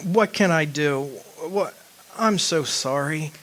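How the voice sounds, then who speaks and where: In a radio drama, a man plays a wistful, earnest character devoted to his lost young love. His voice is fairly high and fairly bright, and he speaks in deliberate phrases.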